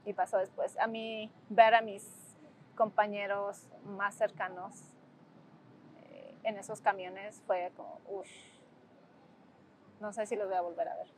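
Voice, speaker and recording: A woman in her forties with a Mexican Spanish accent, a former student activist, is interviewed for a documentary and recalls past events reflectively and emotionally, often ending phrases with tag questions. Her mid-range voice is flat and slow with frequent pauses, and there's slight background noise.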